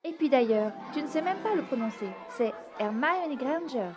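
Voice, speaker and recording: A woman voicing a teasing figure who mocks her own pronunciation, slow and deliberate. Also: high voice, expressive, pitched above the performer's own voice. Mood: mocking.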